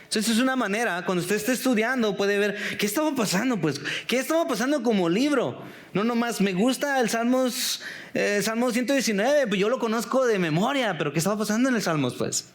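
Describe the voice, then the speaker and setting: A man's voice: sits high, lively intonation, a little fast. A man preaches in a loose, conversational way. He keeps calling his listeners brothers and sisters and throws questions at them. Now and then he slips in English slang. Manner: asks the listeners many questions. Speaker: pastor. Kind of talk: conversational sermon.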